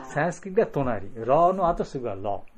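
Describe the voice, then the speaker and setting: A man's voice: medium pitch, big pitch swings, a little fast, highs cut off, music in the background. A man teaching pronunciation to a group in a live lesson, repeating words and restarting often as he sounds out letters.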